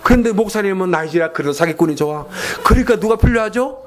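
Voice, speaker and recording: A man with a Gyeongsang Korean accent preaching a sermon in church, emphatic and repetitive, switching into slow deliberate English at times. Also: high-pitched, lively intonation, slight background noise. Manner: emphatic, repeats phrases, mixes in slow English. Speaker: missionary preacher. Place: church sanctuary.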